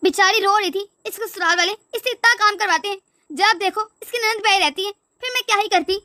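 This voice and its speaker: Scornful cartoon mother-in-law, woman voicing, shrill high voice, dry. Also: fairly quick, bright, forceful tone, no room sound. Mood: nagging. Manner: nagging, haughty. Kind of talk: cartoon voice acting.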